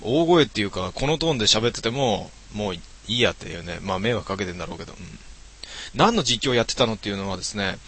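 A man streaming from home, chatting casually with lots of relaxed fillers. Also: lowish voice, fast, husky. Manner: relaxed, rambling talk with many fillers. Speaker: game streamer. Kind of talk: casual chat. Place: his home.

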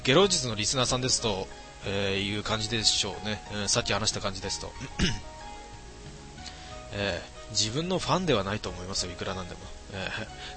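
A middle-aged man streaming late at night, reading viewer comments aloud in a casual, mumbling way with many fillers. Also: on the low side.

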